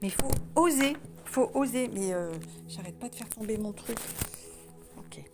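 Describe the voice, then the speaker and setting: A woman's voice: fairly high pitch, expressive, moderate pace, over music. A woman leading a guided wellness exercise in a casual, chatty way, often hesitating and restarting her sentences.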